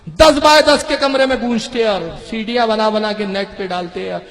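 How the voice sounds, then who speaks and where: A man's voice: high-pitched, fairly even intonation, fairly bright tone. A man preaching a fiery sermon, impassioned and emphatic, mocking his opponents. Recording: echoey hall reverb.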